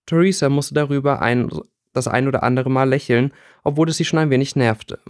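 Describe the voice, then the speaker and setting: A man narrating a fan fiction audiobook in steady storytelling. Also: medium pitch, fairly quick, no echo, clean studio sound. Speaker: audiobook reader. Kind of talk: scripted narration.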